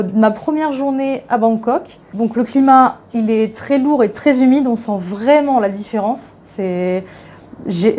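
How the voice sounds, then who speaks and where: Young woman, travel vlogger, casual walkthrough, slightly high voice, filler-heavy chatter, handheld camera. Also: mellow. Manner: chatty, hesitant, lots of fillers and restarts. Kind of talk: casual vlog chat, walking tour. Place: guest house indoors, walking around.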